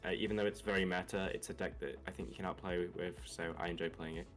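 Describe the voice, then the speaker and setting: A man with a general English accent and a slight Australian twang, giving quick analysis as co-caster on a live esports stream. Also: low voice, steady tone, faint music behind. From England, raised in Australia from about twelve. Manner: fast, analytical, breaks down matchups.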